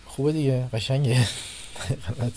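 A man lectures on religious philosophy, his delivery animated and his loudness rising and falling as he acts out the people in his examples. His voice sits at an ordinary middle pitch for a man. A faint noise runs under the recording.

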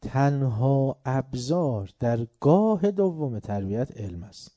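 Very dark-voiced man giving an emphatic religious lecture. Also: mid-range voice, lively intonation, no echo, clean studio sound. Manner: emphatic, repeats word lists, asks rhetorical questions; tells folk anecdotes, acting out the characters.

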